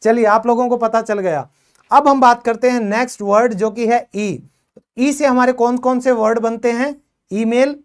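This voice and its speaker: A woman's voice: a little high, steady tone, moderate pace. A woman teacher leading a classroom English lesson, patiently drilling word sounds and coaxing students to call out answers. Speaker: school teacher.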